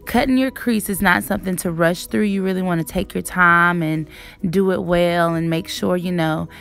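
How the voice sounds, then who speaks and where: A woman's voice: fairly low pitch, fairly even intonation, normal speed, gravelly, a bit bright, soft background music. A young woman giving a casual makeup tutorial narration in a chatty way, repeating words for emphasis. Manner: chatty, emphatic word repetition. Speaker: beauty vlogger.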